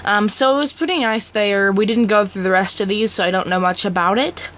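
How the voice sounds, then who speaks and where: A woman's voice: medium pitch, a little fast, fairly bright tone. A teenage girl from Kansas chatting casually while she takes an online quiz, rambling, correcting herself and giggling often. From Kansas, USA. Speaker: vlogger.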